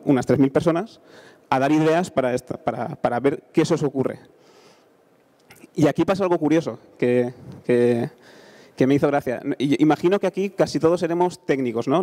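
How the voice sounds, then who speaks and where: A Spanish-accented man in his thirties, an engineer pitching a startup accelerator, speaks on stage into a handheld mic. His voice sits fairly high with a dark tone, and his talk is informal and chatty, full of check-in tags.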